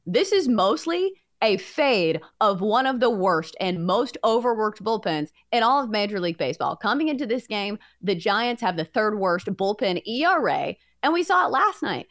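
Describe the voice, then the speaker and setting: A woman co-hosting a sports betting show, pitching her picks like a confident tipster. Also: very animated, normal speed, few pauses, fairly bright tone.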